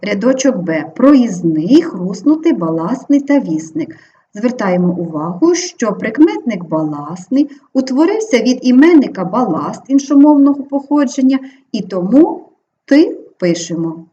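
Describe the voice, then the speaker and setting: A Ukrainian woman teaches an exam-prep grammar lesson with a lively, rising-and-falling voice that has a mellow, warm tone. She sounds out each example word clearly and deliberately. The audio is a little dull and lo-fi, with faint hiss underneath. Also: a little high. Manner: clear, deliberate, drawn-out spelling of example words.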